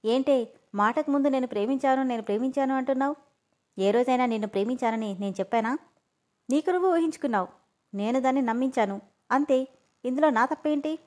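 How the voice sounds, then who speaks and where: A woman's voice: sits high, quick pace, long pauses, darkish tone, close to an everyday voice. A woman voicing an arrogant, cruel young man who talks with scorn. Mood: scornful. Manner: mocking, scornful.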